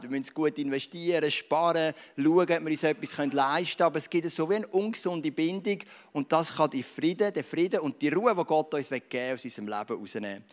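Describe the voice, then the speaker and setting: A man preaching a sermon, speaking directly to his listeners and telling stories to make his point. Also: a little high. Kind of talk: sermon with storytelling.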